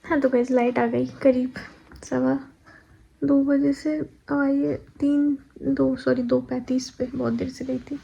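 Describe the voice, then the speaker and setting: A woman's voice: high voice, flat delivery, slow, gravelly, dark tone, muffled recording, a little hiss or hum. A young woman chatting casually at home in a vlog, rambling and correcting herself as she talks. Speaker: vlogger. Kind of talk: casual pregnancy vlog chat.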